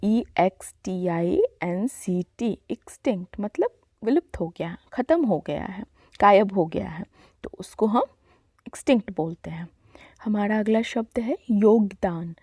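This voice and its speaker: A woman teaching a vocabulary lesson, speaking slowly and deliberately and spelling each word letter by letter. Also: mid-range voice, animated, darkish tone, husky, no room sound, studio quality. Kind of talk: Hindi-to-English vocabulary lesson.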